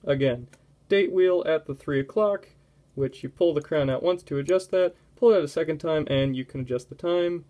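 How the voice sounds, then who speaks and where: A man's voice: a little high, moderate pace. Casual young man reviewing a watch. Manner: relaxed, rambling, self-interrupting. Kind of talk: casual product review vlog.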